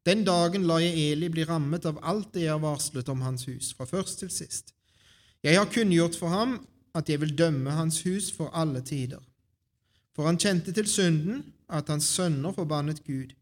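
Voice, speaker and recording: The solemn voice of the Lord pronounces judgment, as a man reading scripture speaks it. The delivery is measured and grave, close to the reader's own slightly high register. It stays steady throughout. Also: close to an everyday voice.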